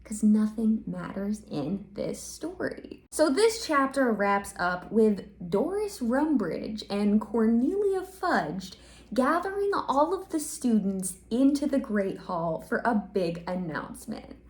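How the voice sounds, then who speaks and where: A woman hosting a comedic reaction video, talking in a sarcastic, animated way. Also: on the high side, slow pace. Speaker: video host. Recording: roomy echo.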